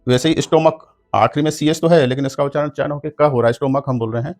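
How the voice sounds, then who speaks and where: A man's voice: on the high side, fairly even intonation, fast, darkish tone, faint music behind. Hindi-speaking man teaching English grammar. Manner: explains step by step, spells words letter by letter. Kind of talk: classroom lesson.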